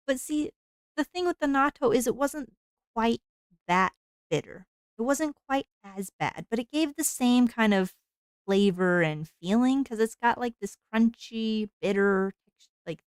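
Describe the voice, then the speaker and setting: Woman streamer rambling while she draws, slow and laid back, lots of likes and little laughs, dry close sound. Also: fairly high pitch, clean tone, dry recording. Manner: rambling and chatty, with frequent laughs and fillers. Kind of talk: casual chat while drawing on stream.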